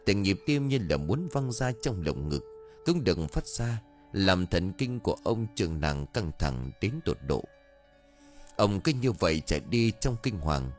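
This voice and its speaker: A man reads a horror story aloud with a dramatic, suspenseful delivery. His low voice moves up and down through a wide range. Quiet music runs behind him. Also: very animated, measured pace. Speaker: audiobook narrator. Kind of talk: scripted horror story narration.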